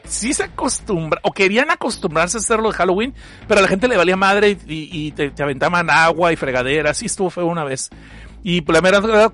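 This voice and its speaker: A northern Mexican man hosts a livestream in a casual, joking way, reading chat messages aloud with plenty of slang. His voice sits fairly high for a man. A lingering cough stays with him throughout. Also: fairly bright tone. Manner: joking, slangy, laughs often. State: has a cough. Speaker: livestream host.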